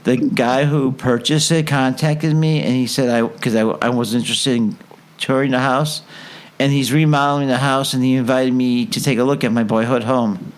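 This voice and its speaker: A man hosting a relaxed talk show, with a voice of middling pitch. He rambles and jokes, trailing off mid-sentence and starting over. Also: normal speed. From Chicago. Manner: rambling, jokey, trails off and restarts. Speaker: show host. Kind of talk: casual chat.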